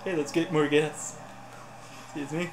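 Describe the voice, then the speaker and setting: Casting: higher-pitched man, jokey gamer commentary, echoey room with faint hiss. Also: little pitch movement, measured pace. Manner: joking, self-mocking. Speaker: gameplay commentator. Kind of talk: casual gaming chat.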